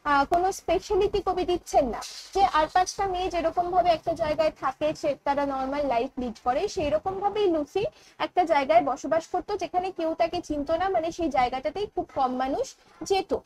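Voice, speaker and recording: A woman with a Bengali accent teaching an English poetry lesson online, explaining in Bengali mixed with English terms and reading the poem's lines slowly. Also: very high voice, a little mellow, rough recording. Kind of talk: online exam-prep lecture.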